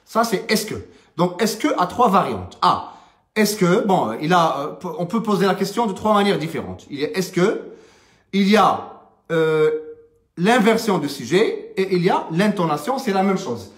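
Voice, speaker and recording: A male teacher walks through a grammar lesson in a slow, hesitant delivery. His voice sits high and swings widely in pitch. He is recorded from a distance in an echoing room. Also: very animated. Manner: slow, halting explanation with many fillers and rising question tags. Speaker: French teacher. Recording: roomy, from some distance.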